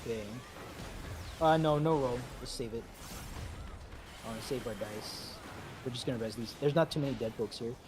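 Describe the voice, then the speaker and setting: A man leading a game raid, calling out instructions briskly, repeating commands and slipping in joking asides. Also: medium pitch, noisy background. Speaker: raid leader. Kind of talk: calling instructions over voice chat while gaming.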